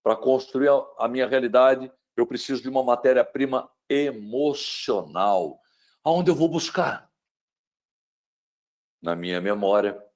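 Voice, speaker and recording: Delivering a webinar on mental wellbeing, the middle-aged man from Brazil speaks at a measured pace with a medium-pitched voice. His style is dramatic, shifting from loud emphasis to hushed tones and posing rhetorical questions to the listener.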